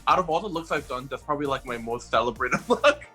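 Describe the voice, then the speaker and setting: Husky, bright-toned male drag guest. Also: mid-range voice, expressive, fast talker, faint music behind. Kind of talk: casual chat.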